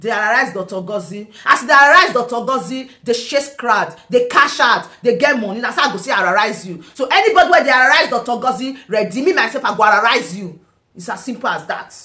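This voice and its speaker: A woman's voice: fairly high pitch, expressive, fast, pushed and bright. A Nigerian woman commenting on a vlog, combative and taunting, firing off rhetorical questions. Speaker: online political commentator. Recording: echoey room.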